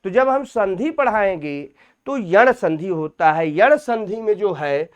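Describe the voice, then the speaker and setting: Slow drawn-out hindi teacher, smooth clear voice, keeps asking then answering itself, muffled lo-fi sound. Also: mid-range voice, expressive. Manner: asks questions aloud and answers them, repeats each point. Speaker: Hindi grammar teacher for exam prep. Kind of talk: exam-prep lecture. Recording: dull lo-fi recording.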